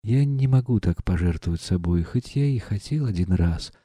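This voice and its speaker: Мужчина-чтец, озвучивающий кроткого, измученного молодого князя, говорит тихо и умоляюще. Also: male voice, fairly low pitch, animated, normal speed, slightly rough, dry recording, clean studio sound. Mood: troubled. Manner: soft, pleading, troubled. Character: gentle anguished young prince.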